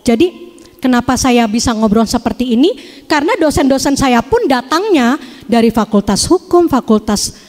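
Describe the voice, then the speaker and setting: A woman gives a lively, joking testimony to an audience, speaking to them directly. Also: sits high, moderate pace. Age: 50s. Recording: long hall reverb.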